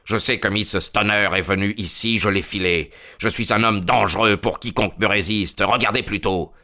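A man voicing a huge, furious old country doctor who bullies and threatens, shouting fast in an audio drama reading. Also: fairly low pitch, fairly even intonation. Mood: furious, threatening.

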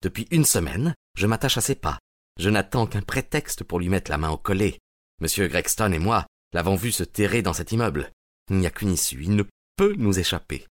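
A man's voice: sits low, lively intonation, moderate pace, dry recording, clean studio sound. A man reading an audiobook, voicing a young private detective who talks in an earnest, determined way.

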